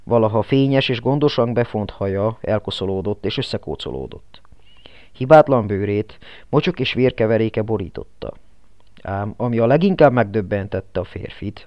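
A man narrating an audiobook in steady, scripted storytelling. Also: on the low side, no echo. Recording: dull lo-fi, dry.

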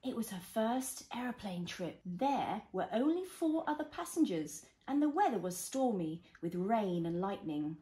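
A woman reads a picture book aloud as a mother does to a toddler. She is expressive, explaining things simply and prompting with small questions. Her mid-pitched voice rings slightly in a roomy home space. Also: unhurried, few pauses. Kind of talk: reading a storybook aloud to a young child. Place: indoors, small living room at home. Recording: roomy echo of a home room.

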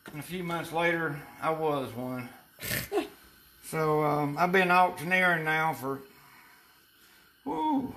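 An older Southern US man co-hosting a cooking show chats casually in a home kitchen, spinning folksy, rambling stories as he cooks. His voice sits on the high side, bright and forceful, and a camera a few feet away picks it up.

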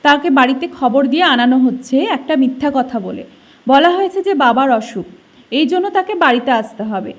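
A woman telling an emotional story in the first person, in soft scripted narration. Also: sits high, expressive, normal speed.

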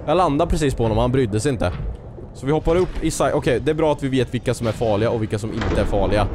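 A man's voice: medium pitch, noisy background. A man hosting a let's play, full of jumpy nervous exclamations, joking and muttering to himself and talking back at the game's creatures. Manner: excitable and jumpy, sudden nervous outbursts and exclamations; talks to the game creatures, jokes and mutters to himself. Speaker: gaming video host.

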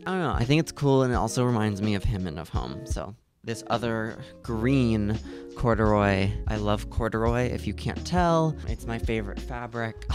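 Guy in his 20s vlogging at his parents place, low gravelly voice, kinda deadpan about himself. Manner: self-deprecating, calls his own voice monotone. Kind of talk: casual vlog talk to camera.

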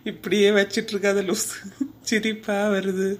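A woman's voice: medium pitch, close to an everyday voice. A woman voicing a firm but caring village woman in a cartoon, speaking with a Kanyakumari Tamil accent. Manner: firm, scolding, consoling. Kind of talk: cartoon voice acting.

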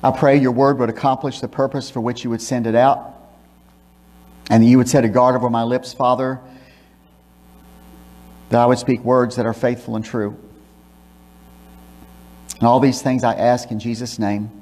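A long church reverb surrounds an older man preaching from the pulpit, where this pastor reads scripture and prays in a measured, emphatic manner. His medium-pitched voice moves little in pitch and sounds a little mellow. Sound comes from a pulpit microphone, with a far camera filming the sermon.

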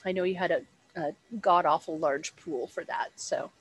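A woman's voice: fairly low pitch, moderate pace, slightly rough, low-quality recording. A woman game master narrating a tabletop game over a headset on a video call.

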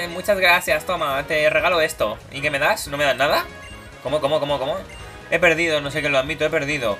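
Bright-voiced young Spaniard playing a game. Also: male voice. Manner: playful, voices game characters in silly high tones. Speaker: gaming YouTuber. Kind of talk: casual Let's Play commentary. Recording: game music behind voice.

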